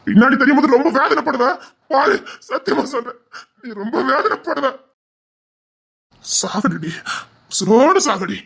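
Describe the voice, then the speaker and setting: A woman playing a husky, anguished village mother. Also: high-pitched, animated, unhurried, pauses often, a bit bright, heavily acted. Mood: distraught. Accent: Tirunelveli Tamil. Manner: emotional, scolding. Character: anguished village mother guarding her baby. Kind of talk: melodramatic village drama acting.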